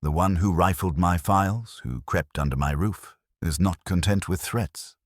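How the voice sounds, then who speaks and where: With his low voice pushed up, a man portrays a stern, calculating older detective genius in a mystery story, imperious and unhurried. He speaks at normal speed in a heavy, weighty voice, making formal, flat, commanding statements in a grave mood. The recording is dry and studio quality.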